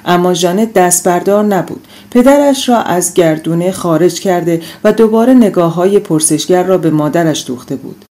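Woman, audiobook narration, measured, mellow, dark tone. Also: fairly low pitch. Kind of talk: scripted narration.

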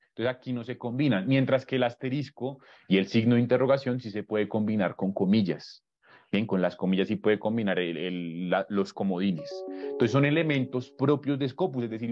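A man's voice: medium pitch, dull audio. A man giving a live webinar tutorial on database searches, explaining step by step and often checking in with "¿listo?". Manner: explanatory, repeats "entonces" and "¿listo?" to check understanding.

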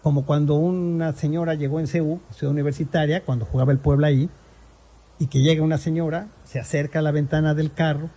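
A Mexican man hosting a sports talk show, telling crude, animated stories and acting out people in them. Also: fairly high pitch, a little fast. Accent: Mexican Spanish. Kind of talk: joking storytelling among co-hosts.

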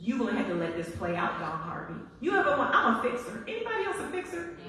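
Woman pastor preaching, animated, high-pitched voice, long echoey church hall, distant mic. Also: quick pace, a crowd in the background. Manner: animated preaching that rises to high, loud exclamations with laughter. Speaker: guest pastor. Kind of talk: sermon. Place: large church sanctuary.

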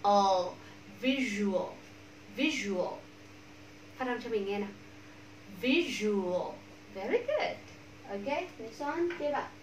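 A Vietnamese woman teaching English pronunciation to a class, drawing out model words slowly and repeating them. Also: fairly high pitch, lively intonation, far from the mic. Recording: echoey room, voice from off mic, faint background hum.

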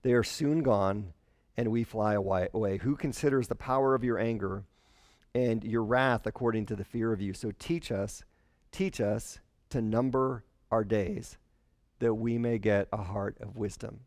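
A man's voice: lowish voice, moderate pace, darkish tone, dry recording, studio quality. A man in his forties preaching a conversational sermon, animating stories by acting out the voices of people he quotes. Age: 40s. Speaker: pastor. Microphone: headset mic.

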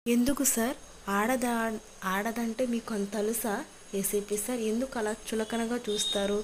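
A woman's voice: on the high side, steady tone, moderate pace, noisy background, close to an everyday voice. A woman reading the lines of a hurt, angry young wife, reproachful and accusing, in a serial recap.

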